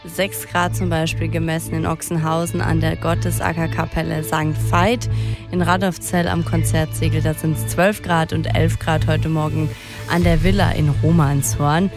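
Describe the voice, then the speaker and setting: A woman's voice: low voice, flat delivery, normal speed, over music. Chatty female radio weather presenter.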